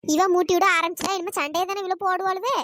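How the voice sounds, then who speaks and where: Shrill, sly cartoon village troublemaker, fast-paced, woman voice actor. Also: fairly even intonation, fairly bright tone, a little hiss or hum. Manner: scolding, sly and gossipy. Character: meddling village woman stirring up fights. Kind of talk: cartoon voice acting.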